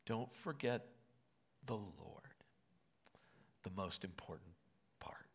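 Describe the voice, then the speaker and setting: An older man as pastor, preaching and praying earnestly, with emotion and often dropping to a hush. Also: fairly low pitch, lively intonation, slow, vocal fry, breathy edge. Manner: earnest, emotional, drops to hushed whispers. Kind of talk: sermon and prayer. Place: church auditorium.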